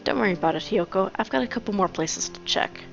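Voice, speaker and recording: A woman's voice: mid-range voice, fast talker, vocal fry, lightly acted. A woman voicing an easygoing young male bird friend who talks casually and kindly. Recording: dull lo-fi with game music.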